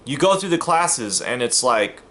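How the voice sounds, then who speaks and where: Man from the US, casual vlog monologue, mid-pitched, rambling, earnest, repeats himself. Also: very animated, measured pace, sharp tone. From United States. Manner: rambling, repeats himself, many fillers and restarts; earnest, emphatic. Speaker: vlogger.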